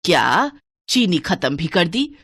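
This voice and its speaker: A woman's voice: lowish voice, sing-song, slow pace, a bit bright, dry recording, full character voice. A woman doing a stingy, bossy old mother-in-law. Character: miserly, scheming older mother-in-law. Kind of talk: cartoon voice acting.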